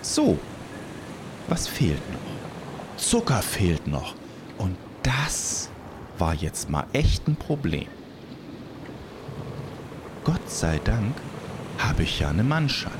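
Male storyteller as a pirate captain for kids, lowish voice, swooping wildly up and down. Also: takes it slowly, pauses often, background noise. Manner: animated, theatrical, swinging between whispers and calls.

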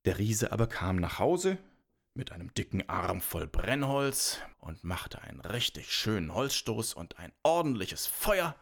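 A man telling a fairy tale in a lively, expressive storytelling manner. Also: on the low side, unhurried, vocal fry.

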